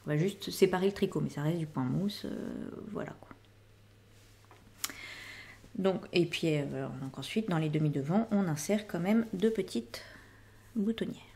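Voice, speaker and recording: A middle-aged woman with a somewhat low voice presents her handmade projects. She talks in a relaxed, rambling way and keeps pausing to sum up before moving on. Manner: chatty, rambling explanations with frequent "voilà". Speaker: knitting and sewing podcast host. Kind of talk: casual show-and-tell of finished projects.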